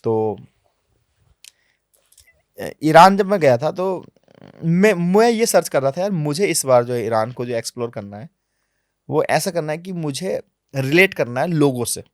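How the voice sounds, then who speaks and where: A man being interviewed on a podcast, telling travel stories in a lively, animated way, sometimes dropping to low, quiet asides. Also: unhurried, pauses often, no echo, clean studio sound. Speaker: travel vlogger guest. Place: podcast studio.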